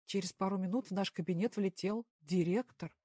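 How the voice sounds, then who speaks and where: A woman narrating a first-person story in a calm, even audiobook style. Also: mid-range voice, fairly quick, husky, no room sound, clean studio sound.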